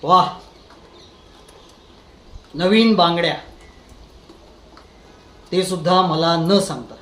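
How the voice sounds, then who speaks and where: A man playing a controlling, cruel husband, speaking with soft, taunting menace that turns to sharp outbursts. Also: a little high, very slow. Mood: cold, taunting. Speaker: actor in an audition. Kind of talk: dramatic monologue.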